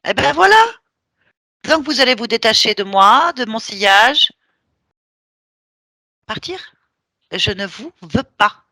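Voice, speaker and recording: A woman's voice: on the high side, lively intonation, slow pace, long pauses, sharp tone, dry recording, studio quality. A woman leading a hypnosis session, giving firm, teasing commands.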